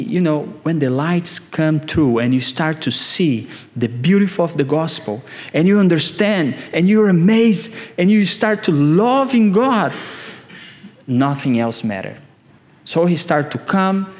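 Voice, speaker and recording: A man preaching a sermon in slow, emphatic phrases, his voice climbing on the key words. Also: a little high, expressive, darkish tone. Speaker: pastor.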